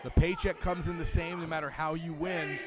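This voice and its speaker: A man's voice: on the high side, flat delivery, normal speed, a loud crowd. A man calling live wrestling as a commentator, with a dramatic, wordy delivery. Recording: loud background noise at live event.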